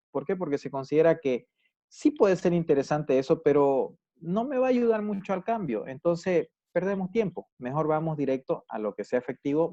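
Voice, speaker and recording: A man's voice: medium pitch, warm tone, dry recording, dull audio. A man giving a psychology lecture, explaining step by step and often checking with his students. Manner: explanatory, checks understanding with frequent "¿ya?". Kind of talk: recorded university lecture.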